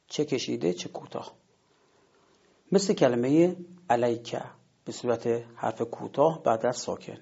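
A man's voice: mid-range voice, creaky, darkish tone, breathy edge. A man teaching word stress in a spoken lesson, explaining patiently step by step and saying example words aloud. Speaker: Quran recitation teacher. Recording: dull lo-fi recording.

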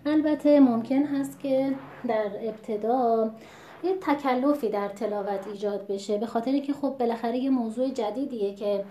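A woman's voice: a little high, dark tone, slight background noise. Woman teaching recitation, echoey room. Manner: patient, explanatory, models words slowly. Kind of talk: spoken tutorial with recited examples.

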